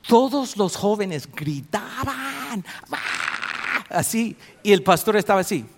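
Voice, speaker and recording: High-voiced man preaching a lively sermon. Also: unhurried, background noise. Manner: animated storytelling, rising to emphatic exhortation. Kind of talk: sermon with anecdotes.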